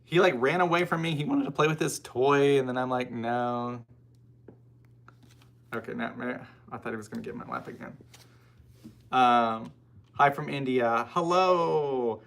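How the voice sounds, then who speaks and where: On his casual stream, an American host answers viewers' comments aloud, meandering with many asides as he goes. He speaks a little slowly and pauses often, his mid-range voice fairly bright and even in intonation, with some vocal fry.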